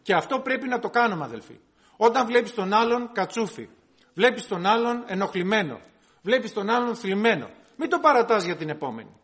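A man's voice: high voice, animated, fairly bright tone. A man preaching a sermon, earnest and exhorting, repeating his points to the congregation.

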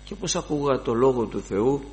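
An older man preaching a sermon, fervent, his voice rising to loud exclamations. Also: medium pitch, expressive, a little hiss or hum.

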